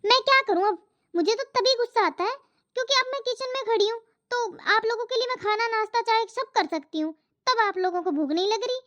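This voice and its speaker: A fed-up housewife voiced by a woman grumbles and scolds in a very high, thin voice for a cartoon family story. The sound is muffled and lo-fi. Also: brisk, fairly bright tone. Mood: complaining. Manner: complaining, scolding, talks to herself. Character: overworked housewife and mother, exasperated, grumbling. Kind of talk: animated family story voice-over. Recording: muffled lo-fi voice track.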